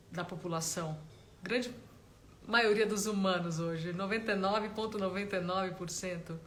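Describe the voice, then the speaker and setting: Brief: woman teacher leading a live meditation talk, soft and explanatory, medium pitch. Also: slight background noise. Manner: gentle, explanatory, frequent "né?" tags.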